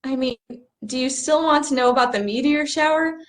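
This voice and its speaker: A woman's voice: high voice, a little fast, close to an everyday voice. A young woman acting an earnest, bookish stargazer in a stage play reading, a little apologetic as she explains things. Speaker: actor in a rehearsed play reading.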